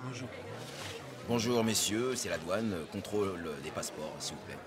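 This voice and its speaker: A man's voice: low-pitched, lively intonation, moderate pace. A man acting an officious customs officer who keeps repeating the rules, in a comic sketch. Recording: crowd noise behind.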